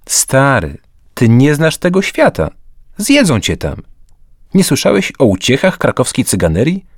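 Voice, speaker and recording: A man voicing a blunt, excitable teenage schoolboy friend in a story reading, speaking much higher than his narrating voice. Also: measured pace, husky, dry recording, studio quality, heavily acted. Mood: teasing. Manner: shouting, incredulous.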